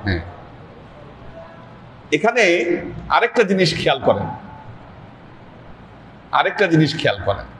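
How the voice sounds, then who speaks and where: Heard through a livestream camera mic in an echoey room with faint background noise, this man teaches Quran pronunciation at his weekly Sufi class, patiently repeating letter sounds. His slightly high, a bit bright voice swings hugely in pitch, unhurried and pausing often.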